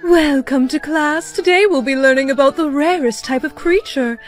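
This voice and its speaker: A woman voicing a calm, patient teacher at a creature school who speaks in a measured way. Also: high-pitched, faint music behind, close to an everyday voice. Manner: measured, patient, addresses students as dear.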